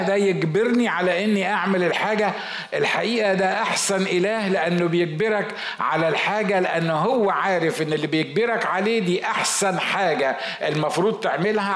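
A man's voice: on the high side, echoey room. A man with an Egyptian Arabic accent preaching a sermon as pastor, talking conversationally and acting out the objections of his listeners.

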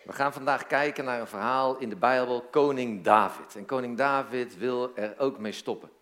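A man's voice: mid-range voice, moderate pace, fairly bright tone. A man preaching a sermon as pastor, telling a story and engaging listeners with questions, often repeating words as he goes.

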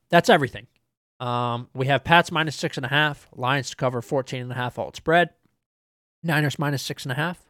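A young man talking fast and loose as he runs through his betting picks, filler words everywhere. His voice is smooth and clear, mid-pitched. The sound is dry and close. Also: a bit bright, no room sound. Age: young adult. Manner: fast, casual, with frequent ums. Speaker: podcast host. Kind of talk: solo sports betting picks rundown.

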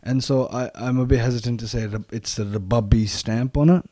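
Guy chatting casually, mellow voice, repeats himself to make a point, really dry sound. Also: medium pitch, steady tone, a little fast, dry recording. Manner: repeats phrases for emphasis. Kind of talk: casual reflective discussion.

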